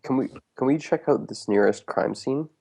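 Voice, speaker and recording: A man's voice: medium pitch, normal speed, dark tone. A man playing a tabletop game over voice chat, rambling and self-deprecating, with many fillers. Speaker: player.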